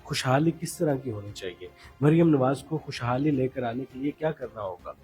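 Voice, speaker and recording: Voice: medium pitch, expressive, dark tone, husky, faint music behind. An interviewer asking probing, challenging questions in a political interview.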